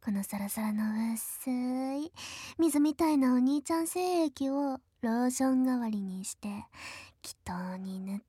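A woman's voice: high voice, expressive, normal speed, no echo, studio quality. A woman voicing Miyuki, a taunting, bossy younger sister. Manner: taunting, condescending, frequent giggles. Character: mocking, domineering adult younger sister. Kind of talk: audio role-play drama.

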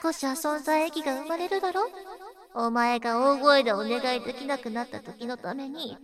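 A scornful, domineering woman, played by a young woman in an adult audio role-play, with a somewhat high voice. She talks rough and coarse, mocking and belittling without letting up. A murmuring crowd is heard behind her. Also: brisk, close to an everyday voice. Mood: contemptuous.

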